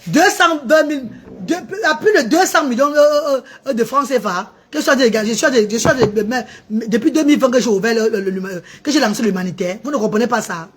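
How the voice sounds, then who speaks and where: This woman's voice is fairly high and slightly rough, and she talks briskly with few pauses. A Cameroonian livestreamer running a charity restaurant, she insults and mocks commenters between updates in her rant.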